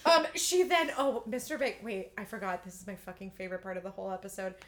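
A woman co-hosting a podcast in casual chat, animated and swearing freely as she acts out quotes. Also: mid-range voice, fast. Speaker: podcast co-host.

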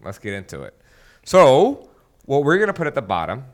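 A man's voice: mid-range voice, huge pitch swings, normal speed. A man co-hosting a casual fitness podcast, joking and upbeat as he leads the segments. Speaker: podcast co-host.

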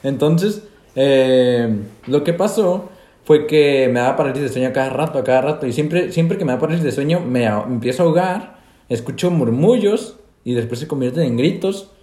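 A man's voice: medium pitch, animated, brisk, dark tone, reverberant. A young man with a Mexican Spanish accent, animatedly telling a scary story in casual chat, laughing often.

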